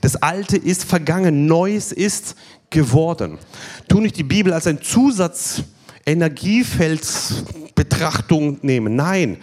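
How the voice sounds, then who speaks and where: A man's voice: fairly high pitch, a little mellow. A man preaching a sermon at a healing service, emphatic and repetitive, counting through numbered points. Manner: emphatic, repeats key phrases, counts points.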